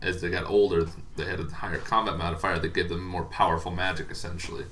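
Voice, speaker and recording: This man talks fast in a low, fairly even voice with a bit of brightness. As a dungeon master, he explains tabletop monster lore casually and without a script, rambling and hesitant, over faint background noise.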